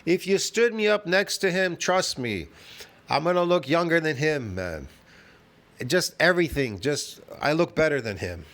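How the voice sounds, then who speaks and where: This is a man in his fifties sounding off from home in a high-pitched voice. He is scornful and foul-mouthed, and he peppers every rant with "man" and "bro.". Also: animated, normal speed, a bit bright. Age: 50s. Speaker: fitness video host. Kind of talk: ranting reaction commentary.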